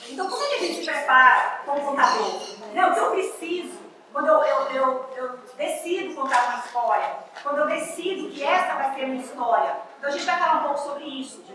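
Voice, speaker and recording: High-voiced woman teaching storytellers. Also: expressive, quick pace, hardly any pauses, background noise. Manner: explains with friendly, hesitant restarts. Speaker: storytelling instructor. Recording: echoey room heard from a distance.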